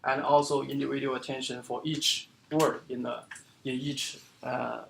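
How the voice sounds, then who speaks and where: A man giving an academic seminar lecture as the speaker, explaining in a halting way with many fillers and restarts. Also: medium pitch, level tone, gravelly, fairly bright tone, slight background noise. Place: lecture room.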